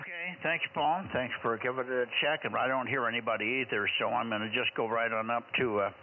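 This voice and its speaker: A man's voice: mid-range voice, fairly even intonation, a little fast. A man running an amateur radio net, chatting in a casual, folksy way between callsigns over a radio transmission. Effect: ham radio transmission. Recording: narrow radio band with faint noise.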